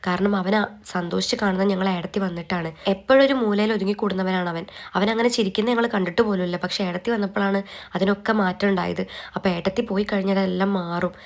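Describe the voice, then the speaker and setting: A woman's voice: mid-range voice, fairly even intonation, quick pace. A woman recapping a TV serial episode in a chatty storytelling way, often tagging lines with a friendly particle.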